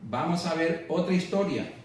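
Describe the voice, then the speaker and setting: A male preacher giving a sermon, slowing and rising in pitch to stress scripture, then dropping low. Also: animated, a little mellow, slight background noise. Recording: echoey, distant church radio recording.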